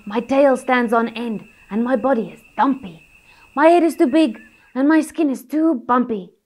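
A woman's voice: sits high, moderate pace, a little mellow. A woman voicing a dumpy, bristly warthog who brags about its warts and tusks. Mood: brash. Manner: bold, brash bragging.

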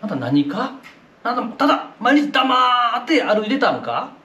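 A nagging Osaka housewife, put on by a male storyteller, scolding her hapless husband in a bright, lively voice that leaps up and down. Her Osaka accent is strong, and she sounds as if she is in a roomy, echoey space. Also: very high-pitched, measured pace, lo-fi sound, pitched above the performer's own voice, exaggerated voice. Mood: exasperated. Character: sharp-tongued Osaka wife, bossy and exasperated.

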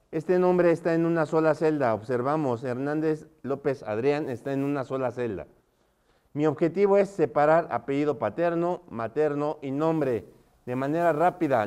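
A man's voice: a little high, darkish tone, smooth. A man teaching a live online class, often stopping to check that his students are following.

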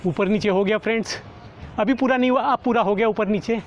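Standing on an open rooftop, a middle-aged man presents his kite-flying vlog in a high-sitting voice at a quick pace. His commentary is relaxed and explanatory, aimed at viewers he treats as friends, picked up by a lapel mic over faint urban traffic noise.

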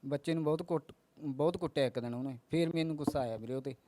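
A man in his thirties giving interview testimony, telling his story in a halting, earnest way with many restarts. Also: fairly high pitch, noisy background.

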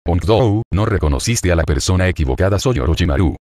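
A man voicing a calm, teasing snake sage in a web novel reading. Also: sits low, fast, dry recording, studio quality. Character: calm, amused snake sannin.

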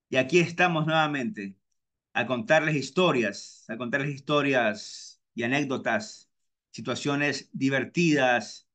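A man, hosting his own podcast and chatting casually through personal stories, often repeating himself. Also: fairly bright tone. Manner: chatty, repeats himself, mimics friends with high-pitched voices. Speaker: podcast host. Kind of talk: casual personal storytelling monologue.

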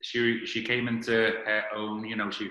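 Man interviewer, casual and chatty, bright tone, roomy sound. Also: on the low side, monotone. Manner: chatty, quick bursts, laughs often.

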